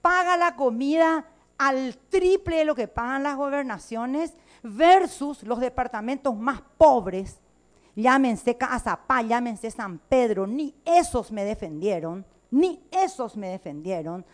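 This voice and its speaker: A woman's voice: high voice, animated, a little slow. Combative Paraguayan congresswoman. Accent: Paraguayan Spanish. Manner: combative, emphatic, indignant. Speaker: legislator. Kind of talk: parliamentary floor speech. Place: legislative chamber.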